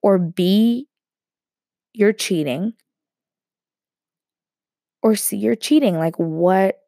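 Speaking very slowly in a gravelly, medium-pitched voice, a young woman with a cold sounds throaty as she rambles through a personal story. She's animated, cuts herself off, and tosses in joking asides. It's studio-quality audio with no room sound.

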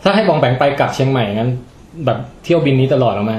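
A man's voice: mid-range voice, animated, fast, a little mellow. A man hosting a podcast in casual chat, asking curious questions. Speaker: podcast host. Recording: echoey room, faint background noise.

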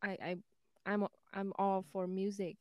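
Soft-spoken woman guest. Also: mid-range voice, little pitch movement, unhurried, dry recording, lo-fi sound. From Vietnam. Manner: hesitant, many ums and restarts. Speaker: guest musician. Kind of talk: interview answers.

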